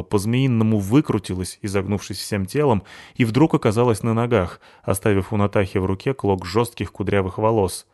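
A man's voice: lowish voice, darkish tone. A man narrating a first-person audiobook in a dry, wry manner.

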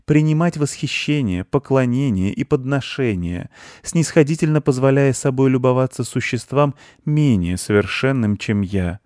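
A man's voice: medium pitch, animated, moderate pace, darkish tone, no echo, clean studio sound, pitched above the performer's own voice, lightly acted. A man voicing a haughty, pampered female house cat who speaks in a prim, condescending way.

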